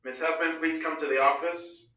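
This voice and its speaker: A man's voice: fairly high pitch, steady tone, moderate pace, bright, forceful tone. Man's voice over a school intercom. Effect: school intercom announcement. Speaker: school office staff making an announcement. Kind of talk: public address announcement. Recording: roomy intercom speaker heard from far off.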